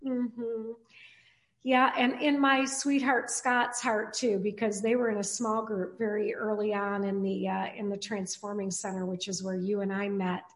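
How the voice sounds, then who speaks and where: A woman pastor hosting a podcast interview, speaking in a halting way with many fillers and restarts. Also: mid-range voice, level tone. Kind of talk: casual interview chat.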